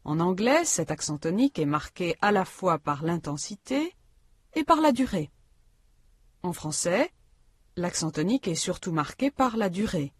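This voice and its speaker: Woman, instructional narrator, calm explanatory reading, breathy low voice, dry booth. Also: normal speed, dry recording. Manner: calm, explanatory teacher delivery. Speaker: language-course narrator.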